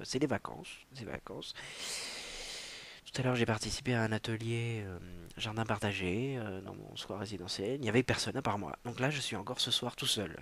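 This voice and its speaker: Creaky and mid-range, a man's voice carries a casual solo livestream. He rambles with self-mockery and stammering restarts, sprinkling in jokey mock English as he goes.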